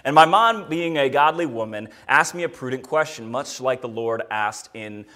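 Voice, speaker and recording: A man's voice: medium pitch, expressive, moderate pace, bright, forceful tone. A man preaching a sermon and leading prayer at a pulpit microphone in a church, telling stories in an earnest way. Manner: earnest, storytelling, rising energy in anecdotes. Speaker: guest preacher. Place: church sanctuary.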